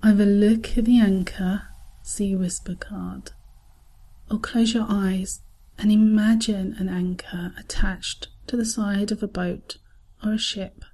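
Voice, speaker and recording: In a calm, soothing, soft mid-range voice with breathy edges, a woman narrates a scripted guided visualisation, leaving long pauses.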